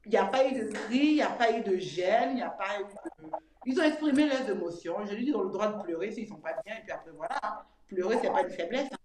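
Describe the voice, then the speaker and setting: A woman's voice: mid-range voice, animated, quick pace. A woman in her thirties telling her own experience in a casual testimonial chat, talking freely, repeating words and retelling scenes from home. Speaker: interviewee giving a testimonial. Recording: echoey room with clear noise.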